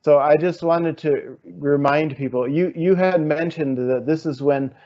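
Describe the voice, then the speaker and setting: A man's voice: on the high side, a little slow, dark tone, highs cut off. A man hosting an interview, posing long, searching questions and thinking aloud with fillers. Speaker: interview host.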